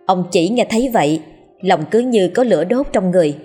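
Husky woman narrating a ghost story. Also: medium pitch, brisk, faint music behind. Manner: steady, dramatic storytelling. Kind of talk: scripted horror story narration.

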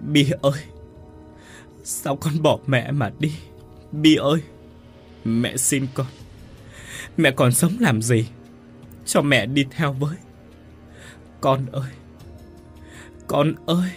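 A man's voice: mid-range voice, slow pace, long pauses, soft background music, voice pushed up, close to an everyday voice. A man voicing a desperate young mother who wails and cries out in grief in a storybook tale. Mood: wailing grief. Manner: wailing, sobbing cries.

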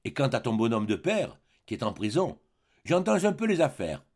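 A man reading aloud, voicing a cheerful, warm-hearted young tradesman in a hearty, eager manner. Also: mid-range voice, huge pitch swings, normal speed.

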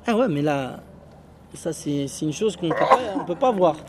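A man's voice: a little high, animated, normal speed, heavy background noise. A man teaching an Arabic class, explaining in French with Arabic phrases mixed in and often checking with "tu vois?".

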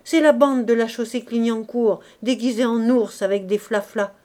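A woman reading a novel aloud, voicing a delirious, terrified working-class drunk who shouts rough slang in a hoarse voice. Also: lively intonation, measured pace. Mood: frantic. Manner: loud slangy outbursts, raised pitch. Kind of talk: audiobook character voice.

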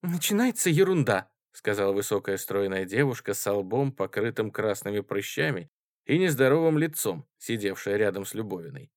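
A man reading a novel aloud as an expressive audiobook narrator who voices each character. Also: lowish voice, normal speed, no echo, studio quality. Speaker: audiobook reader.

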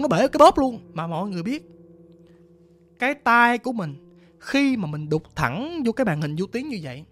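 Southern Vietnamese accent, ghost story narration, very lively pitch, vivid sound words.

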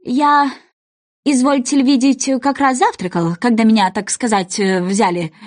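A woman's voice: a little high, steady tone, a little slow, lightly acted. A woman voicing a flustered, apologetic male hat-maker who mumbles his answers at a storybook trial.

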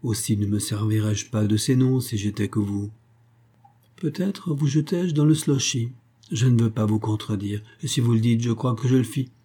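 A man's voice: medium pitch, normal speed, dark tone, breathy edge, natural voice. A man reading a storybook aloud, voicing a cunning, spiteful old grandmother who coaxes and wheedles. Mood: wheedling. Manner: wheedling, calls everyone dear.

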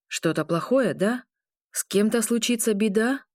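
A woman voicing a caring old grandfather who grumbles yet speaks gently, in a storybook reading. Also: on the high side, lively intonation, a little slow, no room sound, clean studio sound, pitched above the performer's own voice. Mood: coaxing.

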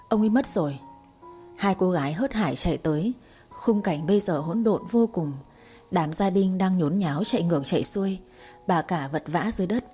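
Woman storyteller, mellow husky voice, steady even reading. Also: on the low side. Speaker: narrator. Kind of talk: storybook narration.

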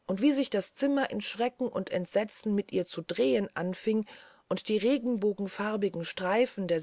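A woman's voice: medium pitch, darkish tone, no room sound. A woman reading a classic story aloud as audiobook narration. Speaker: audiobook reader.

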